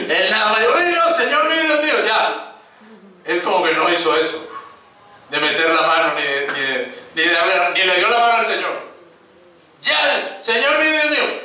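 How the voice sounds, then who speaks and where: A sharp, high-sitting male voice preaches a sermon, greeting the congregation as brothers and dramatizing the scriptural voices he quotes. A faint hiss or hum runs under the distant, reverberant recording from a church hall.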